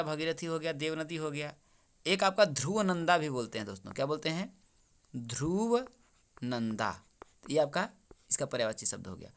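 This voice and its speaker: A young man with a bright, forceful voice walks through exam answers. He keeps asking each question back, calls his listeners his friends, and then repeats the answer. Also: a little high. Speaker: exam-prep teacher. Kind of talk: exam paper solution lesson.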